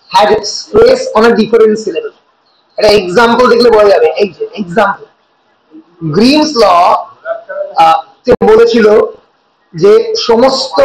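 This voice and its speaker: Bengali-accented male teacher, high voice. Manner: explains step by step, asks students rhetorical questions. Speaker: college teacher. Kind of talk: lecture in Bengali mixed with English. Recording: echoey room.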